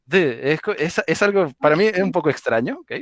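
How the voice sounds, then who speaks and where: A man with a Venezuelan Andean accent explains things in a loose, chatty way, often pausing to ask "ok?". His voice sits a little high for a man. The sound is dry and close, picked up by a video call mic. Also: expressive, no room sound. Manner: explanatory, informal, with frequent "ok?" checks and laughs. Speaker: guest speaker on dialects. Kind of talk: live online talk.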